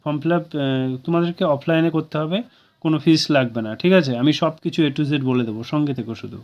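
A job news presenter with a Bengali accent walks viewers through a vacancy notice in a casual, chatty explainer, repeatedly asking "okay?" to see if they follow. His voice is a little high, fast, and slightly mellow. The lo-fi recording sounds dull.

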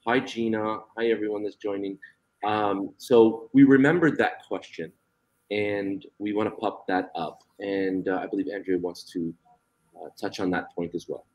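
A man's voice: on the low side, steady tone, moderate pace, a little mellow, poor audio. A man hosting an online discussion, upbeat, greeting viewers and handing over to his co-host. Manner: upbeat, greets the audience, hands over to others.

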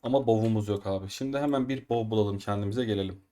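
A man casually commenting on his own gameplay as a gaming video host, excitable and quick to get frustrated. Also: lowish voice. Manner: excitable, frustrated outbursts while upgrading items. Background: keyboard typing and mouse clicks.

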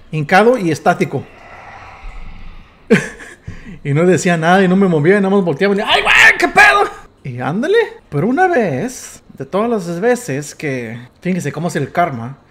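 Excitable Mexican gamer with a slightly high voice. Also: male voice, moderate pace, long pauses, soft background music. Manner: excitable, swears freely, stammers when telling stories. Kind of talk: casual let's play commentary.

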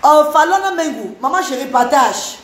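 A woman's voice: sits high, lively intonation, moderate pace, echoey room, slight background noise. A Cameroonian woman with a Cameroonian French accent, live-streaming to her viewers, emphatic and repetitive as she scolds and banters with them.

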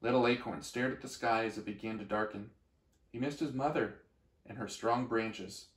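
A man reading a children's storybook aloud in a gentle, expressive way. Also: lowish voice, moderate pace, roomy sound. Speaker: story reader.

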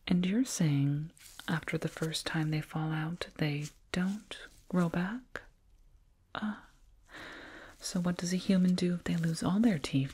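In full character voice, a woman performs a condescending but soothing alien dentist for ASMR, whispering low and breathy into a close binaural mic. She sounds sympathetic and concerned, slow, doting and clinical, gently patronizing the little human she fusses over.

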